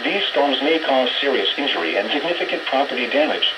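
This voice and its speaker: A synthesized male voice, medium in pitch, reads scripted emergency weather warnings as an automated announcer. The delivery is flat and measured, heard through a muffled, noisy weather radio broadcast.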